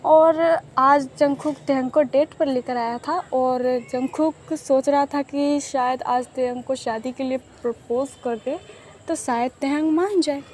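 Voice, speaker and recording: A woman's voice: high voice, fairly even intonation, measured pace, a little mellow, a little hiss or hum. A woman telling a romance story in a chatty, repetitive way, mixing in English words. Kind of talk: casual story narration.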